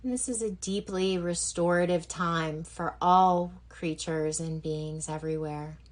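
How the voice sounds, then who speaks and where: A woman whose voice is fairly low gives relaxation instructions in a guided meditation as a yoga nidra instructor. Her tone stays steady, her pace very slow and gentle, with long silences between phrases.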